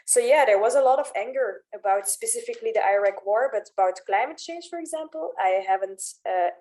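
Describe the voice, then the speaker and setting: Thirties woman panelist, mid pitch, lively anecdote. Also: rough recording. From Belgium. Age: 30s.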